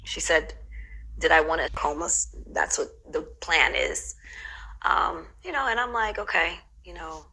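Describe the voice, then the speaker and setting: Low gravelly woman telling a story. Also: lively intonation, a little slow, pushed and bright, poor audio. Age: middle-aged. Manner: reflective, heavy with "you know" fillers. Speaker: interview guest. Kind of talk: casual storytelling interview.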